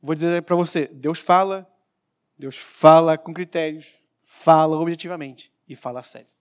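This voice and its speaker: A man preaching a sermon as pastor, emphatic, with sudden loud peaks and quiet asides. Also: a little high, normal speed, clean tone.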